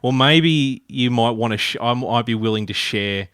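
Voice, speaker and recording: A man's voice: medium pitch, normal speed, a bit bright, clear, resonant tone, no echo, studio quality. A man from Ireland, hosting a podcast in a playful, rambling casual chat. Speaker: podcast host.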